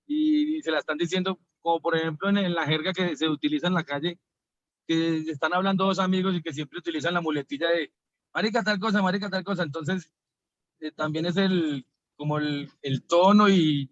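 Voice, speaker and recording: A man student speaks up hesitantly in class, restarting often. His voice sits high. The audio is dry and dull. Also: steady tone, fairly quick, dry recording. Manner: hesitant, full of restarts and fillers. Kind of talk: class discussion.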